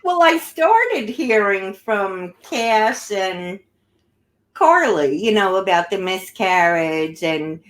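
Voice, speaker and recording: A woman's voice: medium pitch, lively intonation, takes it slowly. A woman hosting a casual commentary chat, blunt and scornful about the person discussed. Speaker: channel host.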